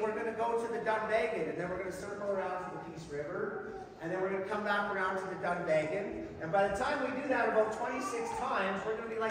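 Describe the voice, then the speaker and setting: A middle-aged man giving a folksy, self-deprecating sermon, repeating words as he goes, from a church hall. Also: sits high. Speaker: lay preacher. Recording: echoey hall, voice from far off, noisy.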